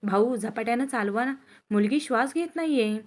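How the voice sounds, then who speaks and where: A woman's voice: on the high side, moderate pace, lightly acted. A woman voicing a frantic mother who pleads for her sick little daughter. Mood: frantic pleading. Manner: pleading, desperate calls.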